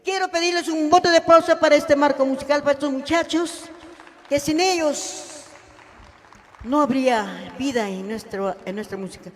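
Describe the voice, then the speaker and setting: A woman's voice: sits high, moderate pace, slight background noise. A woman folk singer with an Ayacucho Peruvian accent, singing and speaking earnestly to the audience at a live cultural event. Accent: Ayacucho Peruvian Spanish. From Ayacucho, Peru. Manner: earnest, heartfelt address to the audience. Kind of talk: live huayno singing and stage talk. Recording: long echoing reverb, faint music.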